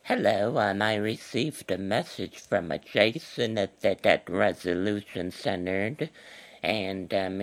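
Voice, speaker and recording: A man playing a folksy, gravelly lady caller. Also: low-pitched. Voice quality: gravelly, drawling endearments. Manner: rambling with many hesitations. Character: chatty middle-aged woman caller, sweet and folksy. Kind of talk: prank phone call.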